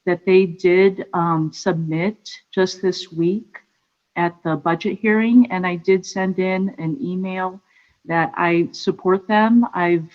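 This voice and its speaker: A woman speaking at a public council meeting, pausing often and searching for words. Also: fairly low pitch, fairly even intonation, a little mellow. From Philippines, raised in Michigan. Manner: hesitant, many pauses and fillers. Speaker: public commenter. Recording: dull lo-fi remote audio.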